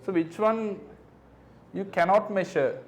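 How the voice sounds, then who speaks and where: In an exam review lesson, a physics tutor with a high, airy voice explains the questions out loud and works through the figures step by step. Frequent quick tag questions check that his students are with him.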